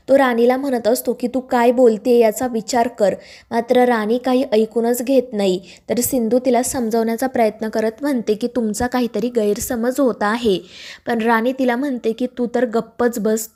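A woman narrates a television serial recap in a steady, scripted storytelling voice. Her pitch sits a little above the usual for a woman. She reads the quoted dialogue plainly, without doing character voices.

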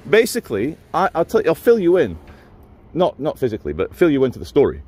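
Filming himself on a handheld phone outdoors by a gate and car park, a Scottish vlogger records a confrontation with chatty, joking running commentary, teasing playfully and arguing politely. His voice is fairly high, darkish and slightly rough, with wildly swooping pitch at a quick pace.

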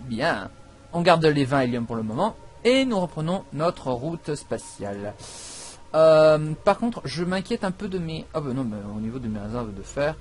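A man giving casual, excitable gameplay commentary, swearing and breaking into loud outbursts as he plays. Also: a little high, moderate pace. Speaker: let's play gamer.

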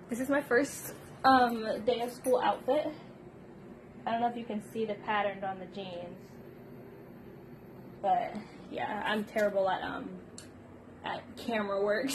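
Filming herself on a phone held out at arm's length, a young woman in a small bedroom chats casually about books, giggling and filling gaps with filler words as she rambles. Her voice is fairly high, and the rough recording has slight background noise.

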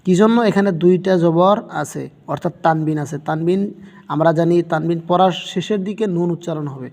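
A man with a fairly high voice teaches Quran reading, building each word from its letters and vowel marks one syllable at a time. His steady drilling rings out with a long reverb trailing behind it. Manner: slow, methodical letter-by-letter drilling. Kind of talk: spelling-out recitation lesson.

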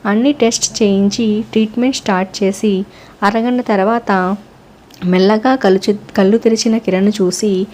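A woman hosting her channel and reading a serialized story with steady narration. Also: medium pitch, normal speed, slight background noise.

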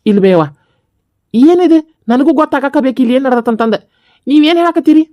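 A woman's voice: high voice, expressive, fairly quick, no room sound, highs cut off. A woman voicing a puzzled young wife in a comedy skit, asking questions in a North Karnataka Kannada accent. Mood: bewildered. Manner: questioning, bewildered.

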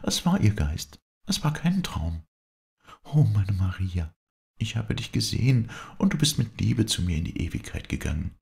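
A man voicing a grieving, fervent young noblewoman, his voice pushed far higher into impassioned, pleading cries. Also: measured pace, gravelly, warm tone, full character voice. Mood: ecstatic.

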